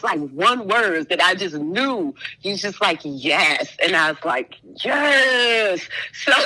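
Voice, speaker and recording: A woman in casual chat, telling an animated story, acting out quotes and laughing often. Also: lowish voice, rough recording. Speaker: student.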